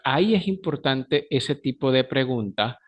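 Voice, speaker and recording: A man's voice: mid-range voice, expressive, unhurried. A man teaching an English lesson, who often stops to correct himself mid-sentence. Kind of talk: recorded language lesson.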